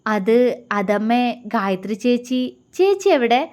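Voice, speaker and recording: A woman's voice: high-pitched, natural voice. A woman voicing a shy, innocent young woman who stammers and halts as she speaks. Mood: hesitant. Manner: stammering, halting.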